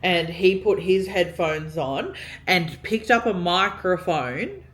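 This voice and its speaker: A woman's voice: lowish voice, animated, slow pace. A young woman telling a story while getting ready, chatty, swearing often and filling her talk with "like". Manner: chatty, heavy swearing, many "like" fillers. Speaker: vlogger.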